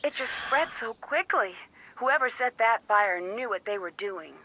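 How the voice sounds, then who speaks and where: A woman's voice: a little high, lively intonation, moderate pace, bright, forceful tone, no echo, low-quality recording. An actress playing a friendly young woman helping a friend in a mystery game. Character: George, Nancy's upbeat young female friend.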